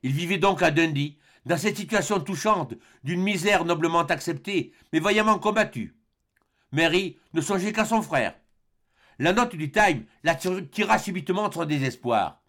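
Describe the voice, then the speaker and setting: A man reading a classic adventure novel aloud as an audiobook, in measured storytelling with small slips. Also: a little high, lively intonation, a bit bright. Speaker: audiobook narrator.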